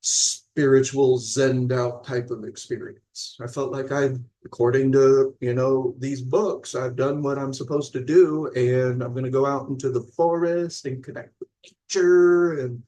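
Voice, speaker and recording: Man, forties, from Illinois, mindfulness teacher, casual rambling live talk, mid-pitched voice. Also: fairly even intonation, normal speed, mellow. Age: 40s. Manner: conversational, rambling, often checks in with listeners. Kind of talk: live-streamed talk reading viewer comments.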